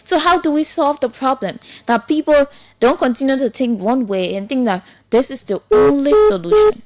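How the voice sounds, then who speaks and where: An earnest Liberian woman hosting a morning talk radio show. Her voice sits a little high, and she presses each point by repeating it. She talks to her listeners directly. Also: animated, normal speed. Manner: earnest, repetitive, pleading. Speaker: radio host and journalist.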